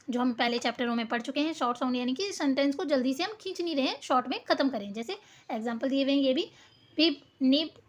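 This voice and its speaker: A woman teacher, going through a worksheet, spelling each word out letter by letter and asking and answering her own questions. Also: high voice. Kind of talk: classroom lesson explaining a worksheet.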